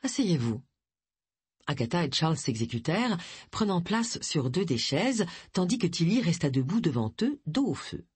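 An audiobook narrator reading a crime novel in a measured, expressive way, with a husky voice. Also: medium pitch, dry recording. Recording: dry close audiobook recording.

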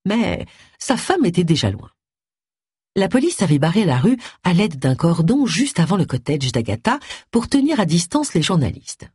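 A woman narrating an audiobook in a calm, measured reading voice. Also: fairly low pitch, breathy edge, no room sound, clean studio sound. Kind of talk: scripted narration.

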